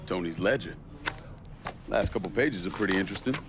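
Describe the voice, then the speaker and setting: A man's voice: deep voice, brisk, natural voice. An actor playing a hard, controlled male crime boss who speaks in terse, matter-of-fact lines. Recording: game audio with background noise.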